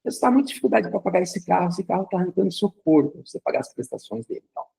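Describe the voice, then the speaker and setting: Gravelly-voiced man teaching a class. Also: high voice, big pitch swings, racing, warm tone, rough recording. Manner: conversational, uses vivid hypothetical examples; frequent checking fillers. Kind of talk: recorded lecture.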